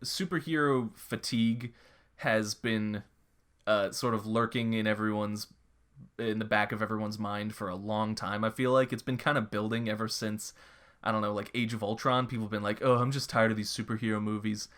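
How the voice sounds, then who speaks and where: A man's voice: fairly low pitch, level tone, normal speed, a bit bright. A young man co-hosting a casual podcast chat, rambling with frequent restarts and fillers. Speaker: podcast co-host.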